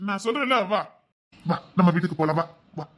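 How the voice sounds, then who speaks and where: An actor playing a devoted husband who gently and insistently coaxes his wife, repeating himself as he pleads. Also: sits high, animated, fairly quick. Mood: pleading. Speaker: husband in a drama series. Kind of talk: emotional drama acting.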